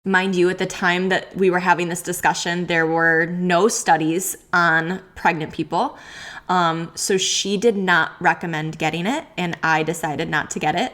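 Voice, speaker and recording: Chatty woman in her thirties, lowish voice. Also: steady tone, moderate pace, a bit bright. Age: 30s. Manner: candid, chatty, with frequent likes and ums; laughs often while talking. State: pregnant. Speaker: podcast host. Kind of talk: solo podcast Q&A.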